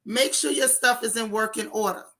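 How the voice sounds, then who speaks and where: Female livestream news host, wheezy rasp, forceful edge, casual but emphatic delivery with repeated phrases. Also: a little high, fairly even intonation, normal speed. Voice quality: raspy, wheezy voice. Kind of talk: casual livestream talk, answering viewer comments.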